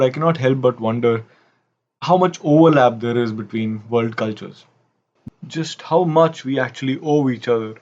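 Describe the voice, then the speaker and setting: A man's voice: mid-range voice, a little mellow, highs cut off. Wry man narrating history. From India. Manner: wry, with casual asides. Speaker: history video host. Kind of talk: scripted narration.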